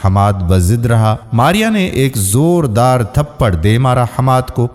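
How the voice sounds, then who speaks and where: A man narrating an emotional story in a steady, earnest way. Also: medium pitch. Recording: long reverb.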